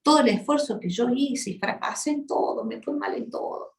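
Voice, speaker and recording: A woman preaching to a women's gathering voices the apostle Peter as an impulsive, emotional man who swings between loud boasting and defeat. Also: fairly high pitch, normal speed, echoey room, lightly acted.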